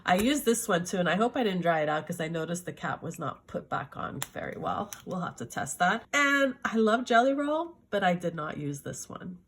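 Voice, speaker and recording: A woman's voice: fairly low pitch, expressive, normal speed, hardly any pauses, a bit bright, a little hiss or hum. A middle-aged woman from Canada with a sore throat, chatting enthusiastically about her art supplies in a casual video. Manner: chatty, enthusiastic, self-correcting. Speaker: art vlogger.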